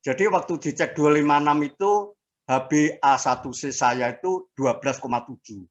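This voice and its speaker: A man in his sixties giving a casual personal testimony as an interviewee, speaking haltingly with fillers and restarts. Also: on the high side, dull audio. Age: 60s. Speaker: interviewee sharing a health testimony.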